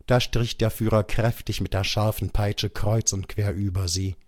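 Audiobook narrator, male, lowish voice, measured, very dry close sound. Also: fairly even intonation, no echo. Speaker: audiobook reader.

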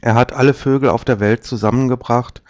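A man voicing an alarmed peasant wife in a fairy tale, talking in a hurried way, on a dull, dry recording. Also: medium pitch, steady tone, dry recording, natural voice.

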